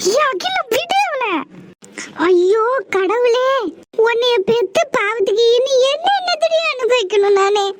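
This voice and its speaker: A woman's voice: very high-pitched, animated, unhurried, a little hiss or hum. A woman voicing a distraught middle-aged mother in a cartoon who wails and scolds. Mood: anguished. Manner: wailing, scolding. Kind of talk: cartoon voice acting.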